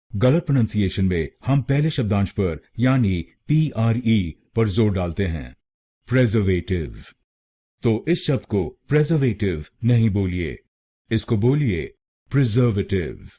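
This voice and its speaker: Guy doing a slow pronunciation lesson, husky voice, repeats every syllable, lots of up and down in pitch. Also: warm tone. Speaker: pronunciation teacher. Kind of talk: scripted lesson.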